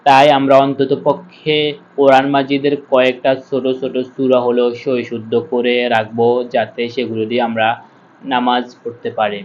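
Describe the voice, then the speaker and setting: A man teaching Quran reading. He spells out each letter slowly and then chants the whole word. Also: mid-range voice, level tone, dull audio. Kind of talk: step-by-step recitation lesson.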